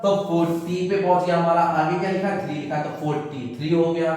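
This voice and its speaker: A man's voice: a little high, steady tone, a little fast. Echoey far-off male maths teacher. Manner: asks questions and repeats answers himself; calls students "beta" warmly. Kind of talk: classroom maths lesson.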